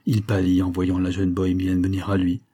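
Husky, dark-voiced male narrator. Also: low-pitched, completely flat delivery, a little fast. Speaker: audiobook narrator. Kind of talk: scripted narration of a novel.

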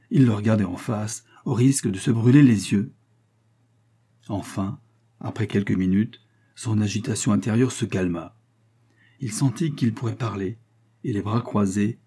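Husky, dark-voiced male audiobook narrator. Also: lowish voice. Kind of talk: scripted narration.

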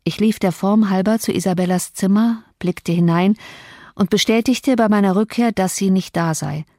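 A woman narrates a classic novel in a measured, even storytelling voice. Her pitch sits in a middle range. The studio sound is dry, close and free of room echo. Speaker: audiobook narrator. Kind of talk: scripted literary narration.

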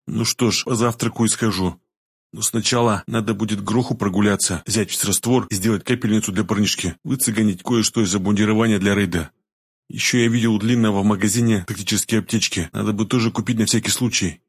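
Husky guy reading an audiobook, calm and matter-of-fact. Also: fairly low pitch, fast talker, no echo. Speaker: audiobook narrator. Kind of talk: first-person audiobook narration.

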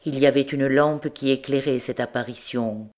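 A woman reading a classic novel aloud as an audiobook narrator, in a measured, unhurried style. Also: very deep voice, steady tone, a little mellow. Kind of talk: scripted narration.

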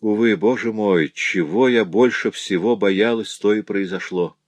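A man's voice: lowish voice, measured pace, dry recording, close to an everyday voice. A man voicing a grieving beaten mother. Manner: sorrowful, pleading storytelling.

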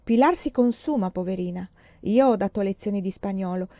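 An impulsive young woman pours out her feelings in a letter, read aloud by a woman. The voice is mellow and slightly lo-fi. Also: mid-range voice, brisk, no echo, close to an everyday voice. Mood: emotional.

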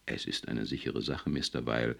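A man's voice: low-pitched, very animated, normal speed, gravelly, heavily acted. A man voicing a chubby, cigar-chewing talent scout who talks eagerly and boastfully.

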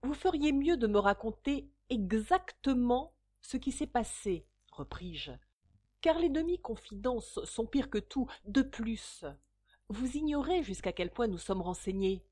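A confident male detective questions a witness with firm, persuasive insistence, played by a woman reader. He stays steady and controlled as he presses for the truth. This is storybook narration. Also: fairly high pitch, a little slow, pitched above the performer's own voice.

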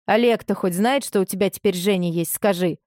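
A woman's voice: mid-range voice, brisk, darkish tone, dry recording, clean studio sound, close to an everyday voice. A woman voicing a domineering, reproachful middle-aged mother who scolds her grown daughter with indignant questions. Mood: indignant scolding. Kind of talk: audiobook character reading.

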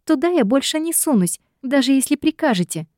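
A woman voicing a feisty young female secretary who protests in shrill outbursts. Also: expressive, fairly quick, a little mellow, no echo, clean studio sound. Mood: indignant.

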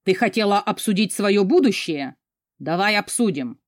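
A woman's voice: medium pitch, lively intonation, moderate pace, no echo, clean studio sound, natural voice. A woman voicing an arrogant, cold male commander who taunts and mocks. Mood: taunting. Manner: taunting, mocking.

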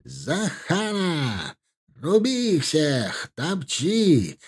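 An arrogant, scornful cavalry commander, as a man puts him on who sneers at his enemy and roars battle cries. The voice is pitched a little higher than the reader's own and stays dark and mellow in this storybook telling. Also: lively intonation, a little slow. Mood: war cry. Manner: scornful, shouts war cries.

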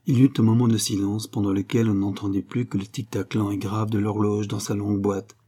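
Male audiobook narrator, measured and steady, dark husky timbre. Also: lowish voice. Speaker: audiobook reader. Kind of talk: scripted narration of a novel.

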